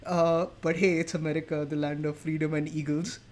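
A man speaks in a slightly high voice. He co-hosts a relaxed tech podcast, steering from topic to topic. He jokes and chuckles his way through, over a faint hiss in the background. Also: brisk. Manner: moves topics along, joking, chuckles mid-sentence. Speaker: podcast co-host. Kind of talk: casual tech podcast chat.

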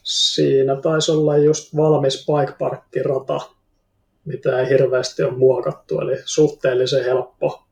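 A man with a gravelly, creaky voice giving short, matter-of-fact answers in a casual podcast chat. His voice sits in a middle pitch. The sound is roomy, with a noticeable echo. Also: little pitch movement, darkish tone. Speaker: podcast guest, racer.

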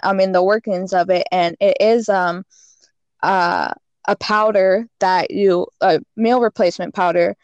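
A woman's voice: medium pitch, fairly even intonation, measured pace, no echo, lo-fi sound. A woman guest on a casual podcast, giving frank fitness and diet advice with lots of "like" and "you know.".

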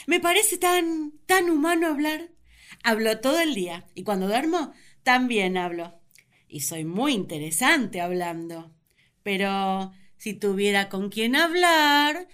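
A woman's voice: on the high side, unhurried, clean tone. A woman voicing Eve, the curious and talkative first woman, narrating her thoughts. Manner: chatty, wondering, expressive. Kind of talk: radio drama narration.

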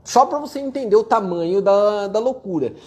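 A man giving a blunt, profane motivational rant while answering viewer questions, forceful and mocking toward complainers. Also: high voice, expressive, moderate pace. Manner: forceful, profane, mocks complainers in whiny voices.

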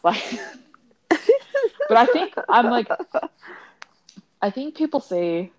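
A woman's voice: fairly high pitch, huge pitch swings, slow, crowd noise. Brash young Western Sydney woman talking eshay slang. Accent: Western Sydney Australian. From Western Sydney, Australia. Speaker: podcast co-host. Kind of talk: casual, sweary chat.

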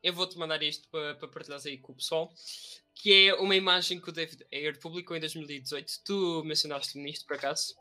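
A man's voice: on the high side, fairly even intonation, fast talker, pushed and bright. A young man with a European Portuguese accent, co-hosting a live stream in casual, slangy chat. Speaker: live stream and podcast co-host.

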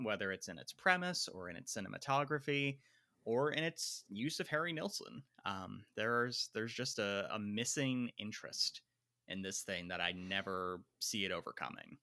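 A man with a faint New Jersey accent talks over a film in a casual podcast chat. His voice is bright and fairly low, and he hedges and repeats words as he works out his thoughts. The sound is dry and close. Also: expressive, normal speed, dry recording. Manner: thoughtful, hedging, repeats words while thinking. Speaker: podcast co-host.

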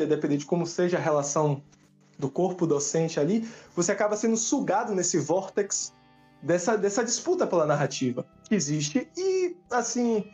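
A young man with a mellow, dark-toned voice chats as a podcast guest. His way of talking is informal and modest, and the audio is a little muffled with music underneath. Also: high-pitched. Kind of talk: casual chat. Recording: dull lo-fi audio, background music.

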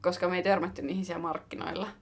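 A woman's voice: fairly low pitch, level tone, breathy edge. A young woman co-hosting a podcast, chatting casually and telling stories with laughter and slangy swearing. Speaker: podcast co-host. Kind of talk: casual chat.

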